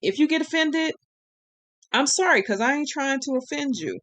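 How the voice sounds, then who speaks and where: A woman's voice: high voice, animated, normal speed, a bit bright, dry recording. A woman ranting on a live stream, frustrated and close to tears, rambling with many restarts. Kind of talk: emotional live-stream rant.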